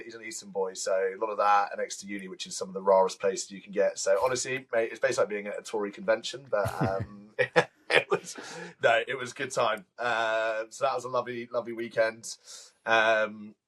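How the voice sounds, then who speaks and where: A man co-hosting a sports podcast, telling stories in quick, casual chat with some swearing. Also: lowish voice, fairly even intonation, a bit bright. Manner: quick, chatty storytelling with swearing. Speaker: podcast co-host.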